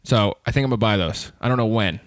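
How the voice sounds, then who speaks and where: A man's voice: lowish voice, fast, no echo. A man co-hosting a podcast, chatting loosely with slang and frequent laughter into a studio microphone. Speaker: podcast co-host. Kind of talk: casual chat.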